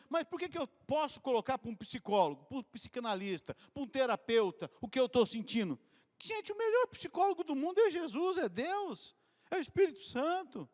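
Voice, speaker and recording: A man preaching a sermon in a conversational, animated storytelling way, from Brazil. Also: very high voice, long reverb tail. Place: church hall.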